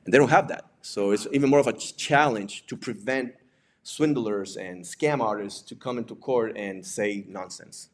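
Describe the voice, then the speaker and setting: At normal speed and on the low side, a Puerto Rican man lectures conversationally, a little hiss or hum in the recording. Spanish is his native language; he is a presenter, digital forensics examiner and instructor who regularly asks rhetorical questions and adds "right?" to his points.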